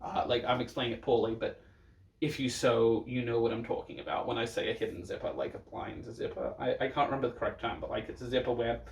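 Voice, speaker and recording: With a fast, creaky, medium-pitched voice, this man offers blunt, campy drag-queen reaction commentary while reviewing looks. The microphone is distant, leaving a roomy echo.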